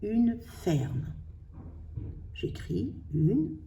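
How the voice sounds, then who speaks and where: A woman teaching a spelling lesson, slowly sounding out syllables and letters for her pupils. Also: medium pitch, big pitch swings, gravelly, warm tone, distant mic, a little hiss or hum. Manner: slow, carefully sounding out syllables.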